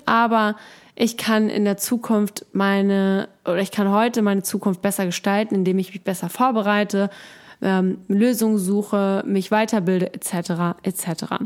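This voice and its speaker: A woman's voice: mid-range voice, fairly even intonation, normal speed. A woman coach giving a casual motivational talk straight to the listener, encouraging and chatty, often restarting her sentences.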